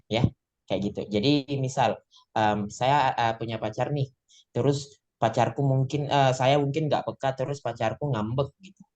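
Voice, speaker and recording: A man's voice: medium pitch, darkish tone. A man with an Indonesian accent teaching English in a casual online lesson, chatty and joking as he mixes two languages.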